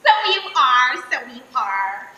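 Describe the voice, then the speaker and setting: Lady doing a folksy forgetful old grandma onstage, super high bright voice, echoey room. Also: sing-song, measured pace, muffled recording, exaggerated voice. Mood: fond, folksy. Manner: folksy, wistful. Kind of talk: comic stage play acting. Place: theatre stage. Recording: roomy theatre stage sound.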